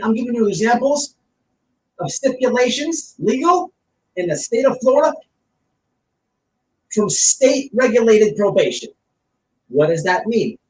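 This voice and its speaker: An extremely high-pitched male voice, expressive and unhurried with many pauses, belongs to an online streamer giving commentary. He's blunt and opinionated yet casual, hammering points by repeating phrases and offering examples. The recording sounds roomy, with a distant mic and faint noise.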